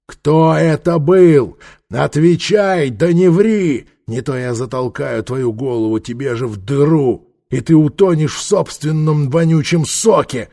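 A man's voice: mid-range voice, a little slow, a little mellow. A male narrator voicing a cruel, domineering pharaoh warlord who barks orders and threats. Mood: barking orders. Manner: barking, commanding.

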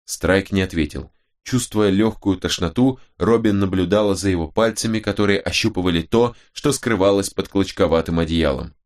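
A man reading an audiobook in a measured, even narrating voice. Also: sits low.

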